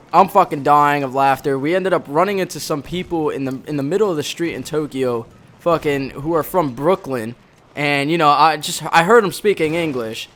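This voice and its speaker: A man's voice: medium pitch, fairly bright tone. A young man from the Bronx, a former Marine, telling a rambling, profanity-heavy story in casual chat over gameplay, often correcting himself mid-sentence. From the Bronx, New York. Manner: rambling, heavy swearing, frequent self-corrections.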